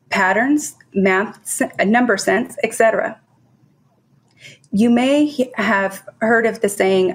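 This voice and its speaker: Measured woman presenting from a script. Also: medium pitch. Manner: measured, lists items one by one. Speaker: child development center presenter. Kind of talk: read conference presentation.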